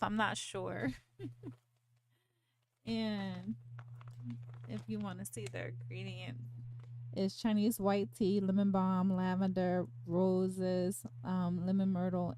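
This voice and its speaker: Chatty woman crocheting on a livestream. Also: medium pitch. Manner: chatty, laughs often, counts stitches aloud. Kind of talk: casual chat while crocheting. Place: home.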